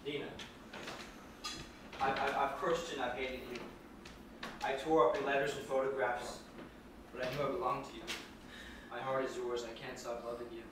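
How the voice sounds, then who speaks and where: Brief: man playing heartsick young writer, pleading and stammering, mid pitch, far off in a noisy, reverberant hall. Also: flat delivery, moderate pace, long pauses, natural voice. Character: young male writer, lonely and lovesick. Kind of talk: stage play performance. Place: theater stage. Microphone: distant room mic. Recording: echoey theater taped from far off.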